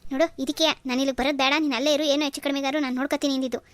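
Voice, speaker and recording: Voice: high-pitched, level tone, racing, no room sound, natural voice. One performer voicing a scolding young husband. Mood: indignant. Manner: accusing, scolding. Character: angry young husband scolding his in-laws. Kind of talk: cartoon voice acting.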